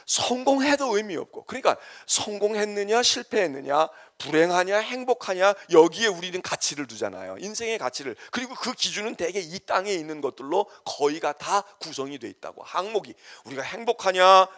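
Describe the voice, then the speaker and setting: A male pastor delivering an early-morning sermon, swinging from emphatic preaching to quiet acted-out asides. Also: high-pitched. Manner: animated preaching that drops to soft, quoted asides. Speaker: senior pastor. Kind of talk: dawn service sermon.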